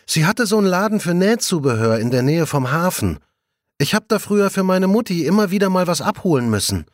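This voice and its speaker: A man's voice: high voice, very animated, fairly quick, dry recording, studio quality, pitched above the performer's own voice. A man voicing a chatty, cheerful female police colleague. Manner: chatty, giggly.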